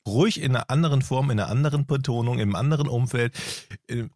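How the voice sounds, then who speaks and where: Calm, patient podcast co-host man. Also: mid-range voice, fast, no room sound, studio quality. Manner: calm, defends himself with patient explanations. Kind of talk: casual chat.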